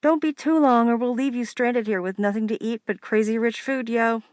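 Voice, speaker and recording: A woman's voice: fairly high pitch, steady tone, moderate pace, a little mellow, no echo, clean studio sound, pitched above the performer's own voice, natural voice. A woman voicing a teasing young woman, the narrator's little sister, in a breezy, joking way.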